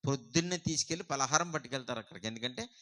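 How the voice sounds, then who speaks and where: A man preaching a sermon, asking the congregation questions and swinging between hushed lines and loud calling. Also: mid-range voice, racing.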